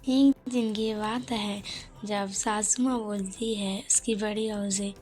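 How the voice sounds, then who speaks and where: A woman narrating a village cartoon story in a slow, measured storytelling manner. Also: medium pitch, fairly even intonation, darkish tone, soft background music.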